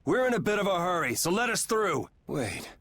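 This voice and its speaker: A man's voice: high voice, very animated, a little fast, a bit bright, a little hiss or hum, exaggerated voice. A sarcastic young swordsman hero. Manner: sarcastic, blunt. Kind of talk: video game voice acting. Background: game soundtrack.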